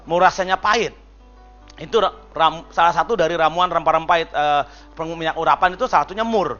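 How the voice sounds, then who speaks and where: High-voiced, chatty preacher. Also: male voice, a little fast, dull audio, soft background music. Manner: lively, chatty, jokes and asks the congregation. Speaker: pastor. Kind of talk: sermon.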